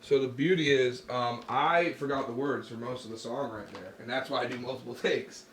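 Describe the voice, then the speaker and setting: A man's voice: medium pitch, moderate pace, noisy background. A man with a nasal voice, explaining step by step in casual talk how he records and edits his own song. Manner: relaxed, explaining each step with fillers.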